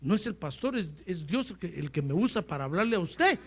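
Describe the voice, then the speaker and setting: A man's voice: high voice, brisk. A male pastor preaching a sermon in church, talking straight to his listeners and slipping in humorous asides. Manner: animated preaching with direct address to listeners.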